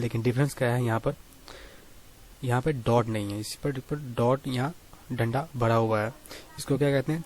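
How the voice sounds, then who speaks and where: A man's voice: mid-range voice, a little mellow. A man teaching Korean letters step by step, patiently repeating points and asking the listener questions. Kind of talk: explaining lesson.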